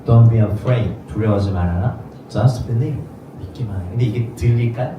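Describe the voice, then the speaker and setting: A man's voice: fairly low pitch, measured pace. Male pastor giving a chatty sermon, very echoey room, a bit far from the mic. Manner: conversational, acts out quoted voices. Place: rented studio space used for worship. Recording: echoey room, mic at a distance, faint noise.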